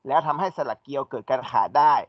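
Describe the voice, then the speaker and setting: A man's medium-pitched, expressive voice comes very fast, with no room sound in the dull, dry recording. He's teaching an engineering class as a lecturer, explaining step by step and asking his students questions.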